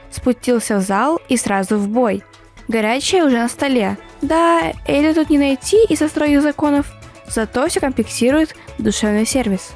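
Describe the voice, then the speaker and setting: A woman's voice: fairly high pitch, darkish tone. A woman reading a scripted travel vlog voice-over in a playful, storybook-like way. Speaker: travel vlogger. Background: faint music.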